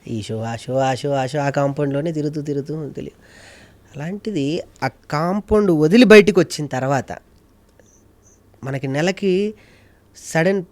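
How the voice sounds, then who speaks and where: Guy chatting in an interview, kinda higher voice, earnest and emphatic, repeats stuff a lot. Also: a little slow, pauses often, darkish tone. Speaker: guest, mimicry artist and ventriloquist. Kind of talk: casual interview talk.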